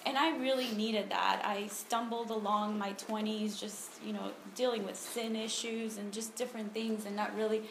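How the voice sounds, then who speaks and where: Her mid-range voice moves at a moderate pace with fairly even intonation and few pauses. She's a woman from Honduras in her thirties sharing a personal testimony and prayer at a church ministry meeting, conversational and full of ums and restarts. The echoey room and background noise are picked up by a phone lying on a table.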